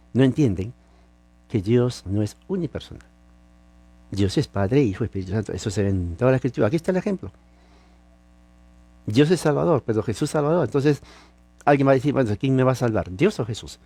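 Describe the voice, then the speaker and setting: A man's voice: mid-range voice, mellow, breathy edge, no room sound. A man preaching a sermon, teaching with emphasis and asking rhetorical questions. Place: lives in California.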